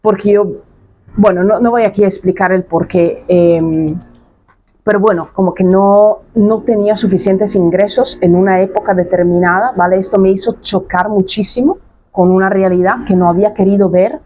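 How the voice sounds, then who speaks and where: A woman's voice: medium pitch, steady tone, normal speed, dark tone. Emphatic woman in her thirties. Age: 30s. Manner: emphatic, repetitive, slangy and blunt. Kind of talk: casual spoken monologue to camera.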